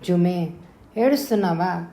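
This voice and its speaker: An anguished young man pours out earnest, impassioned pleas to his beloved, as a woman reading an audio novel voices him. The tone is mellow and soft-edged, and the recording rings with a roomy echo. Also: lowish voice, unhurried. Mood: anxious.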